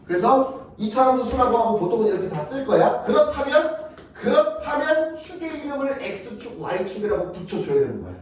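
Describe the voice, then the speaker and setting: A man's voice: extremely high pitch, sing-song, moderate pace, recorded from a distance. Blunt, profane male math teacher, echoey classroom. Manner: blunt, crude and profane, keeps checking if students follow.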